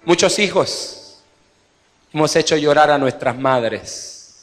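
A fairly high-voiced male pastor preaching with passion. He acts out mothers' words in a lively voice. His voice rings through a reverberant church hall with soft music underneath. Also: slow. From Guatemala. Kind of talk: sermon. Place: church service.

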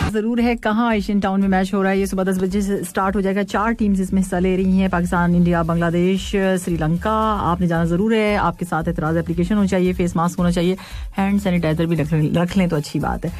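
A woman hosting a casual radio show, reading listener messages, playful and quick to laugh and tease. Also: on the low side, fairly even intonation, a little mellow, faint music behind. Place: radio studio.

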